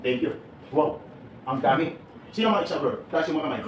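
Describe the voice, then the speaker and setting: A man from the Philippines with a somewhat high voice, animated and laughing as he quizzes a live seminar audience. He mixes English into his Filipino. The recording is roomy and distant, with clear background noise. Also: fairly quick. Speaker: seminar speaker for departing overseas workers. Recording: echoey room, distant and noisy.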